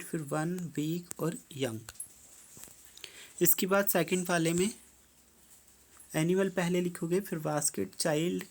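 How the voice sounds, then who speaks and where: Step by step through a worksheet, a teacher slowly reads out each English prompt and follows it with a plain explanation. The voice is mid-range and a little mellow.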